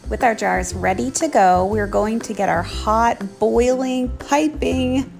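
A woman's voice: a little high, slow pace, gravelly, a little mellow, faint music behind. A woman in her thirties gives a chatty, upbeat how-to walkthrough while working in her home kitchen, talking into a phone held at arm's length. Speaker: DIY homemaking vlogger. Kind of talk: casual how-to narration. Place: home kitchen and laundry room.

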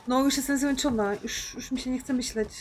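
A woman's voice: high-pitched, fairly even intonation, moderate pace, a little mellow, a little hiss or hum. A woman casually commenting on her game for viewers, chatty and often confused about where to go. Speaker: gaming streamer. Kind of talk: casual let's play commentary.

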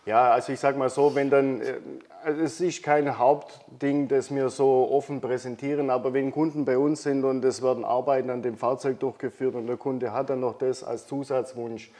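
A middle-aged man who owns a camper workshop, answering interview questions calmly and earnestly in a large workshop hall. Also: medium pitch, moderate pace, few pauses. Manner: calm, earnest, brief affirmations. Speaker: workshop owner, guest. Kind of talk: casual interview.

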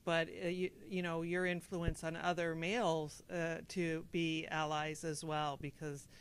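A woman's voice: low-pitched, flat delivery, unhurried, clean tone. A woman on a discussion panel, reflective and searching, posing questions aloud into a handheld mic. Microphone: handheld microphone.

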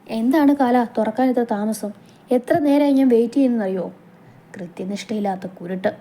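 A woman's voice: fairly high pitch, fairly quick, dark tone, lightly acted. A woman doing a tearful young woman in love. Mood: teasing annoyance. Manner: pleading and tearful.

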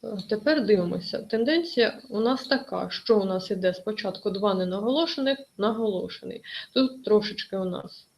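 A woman's voice: medium pitch, expressive, fairly quick, a little mellow, a little hiss or hum, poor audio. A woman teaching an online exam-prep lesson, explaining carefully with many hesitations.

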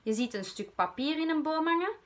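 A woman's voice: medium pitch, unhurried, close to an everyday voice. A Flemish woman voicing a touchy, easily offended female friend of a witch in a read-aloud storybook. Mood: hurt.

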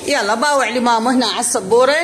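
A woman's voice: on the high side, rapid-fire. A woman with an Iraqi Arabic accent teaching young children a lesson, coaxing and affectionate. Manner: coaxing, affectionate, calls pupils dear. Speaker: primary school teacher. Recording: echoey room with background noise.

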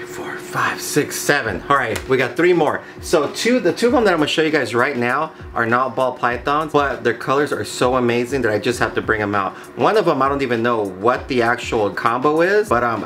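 A man's voice: mid-range voice, fairly bright tone. A man in his thirties or forties talking casually and enthusiastically to viewers as he presents animals, with slangy superlatives. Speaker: snake breeder presenting his collection. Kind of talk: casual video showcase to viewers. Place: small indoor reptile rack room. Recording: noisy room ambience.

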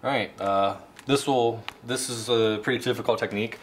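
Deadpan and halting, a man in his twenties with a fairly low voice hosts a mock cooking lesson as part of a comedy segment at home. The kitchen recording, made on a camera mic held by someone nearby, is noisy with room sound.

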